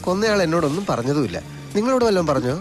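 A man's voice: fairly high pitch, sing-song, very fast, over music. A middle-aged actor with a Malayali accent playing a sarcastic, officious male police commissioner in a film comedy-drama. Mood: probing, sarcastic.

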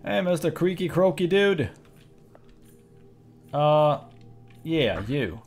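A man's voice: fairly high pitch, very animated, slow pace, darkish tone, faint music behind. A man casually narrating a video game playthrough, reading dialogue aloud in a playful, chatty way and laughing often. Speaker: gaming YouTuber.

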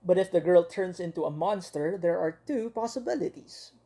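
A woman teacher reading a picture book aloud to young children, expressive and full of dramatic pauses. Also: fairly low pitch.

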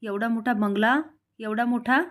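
A woman's voice: on the high side, fairly even intonation, moderate pace, natural voice. A woman reading out the exclaimed lines of a startled, frightened young woman from a TV serial, lifting her voice a little. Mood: surprised.

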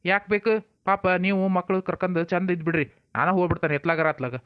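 Fast high man playing an irked village husband. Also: clean tone, dry recording, lo-fi sound, lightly acted. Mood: stern. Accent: North Karnataka Kannada. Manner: scolding, curt rustic talk. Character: irritated village husband, stern and fed up. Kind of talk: comic village family drama.

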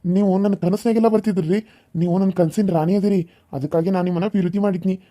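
A man's voice: high-pitched, fairly even intonation, quick pace, warm tone, lightly acted. A man voicing a lovesick, boastful young suitor in a cartoon serial, talking eagerly. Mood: fawning. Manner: eager fawning.

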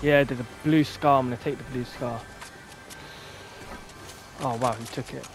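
A young man, giving chatty, casual commentary on his own gameplay and getting quickly annoyed when things go wrong. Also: mid-range voice. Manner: excitable, easily annoyed, chatty. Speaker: gameplay streamer. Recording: game music loud in background. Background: loud game music.

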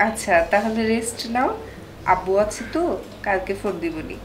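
An actress playing a young girlfriend, gentle on the phone and playfully suspicious in person. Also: medium pitch, moderate pace, over music, natural voice. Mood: tender. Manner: gentle, curious, teasing.

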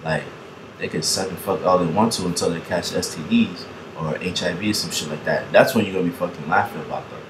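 A man's voice: low voice, fast talker, reverberant, noisy background. A young man hosting a casual reaction video. He rambles, swears freely and laughs often.

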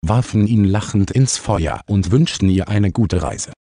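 A man with a deep, dark and mellow voice reads a children's story in a calm, unhurried manner. The recording is close and dry, with no room sound. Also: no echo. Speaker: audiobook narrator. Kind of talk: children's audiobook narration. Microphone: close studio mic, dry.

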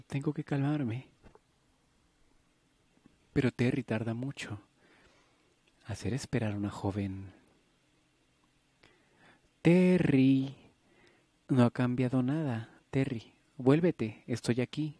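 A man's voice: mid-range voice, very slow, pauses often, warm tone, breathy edge, no room sound. A man voicing a bubbly, impulsive young woman nurse in an audiobook, alternating teasing and wistful tones. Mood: eager.

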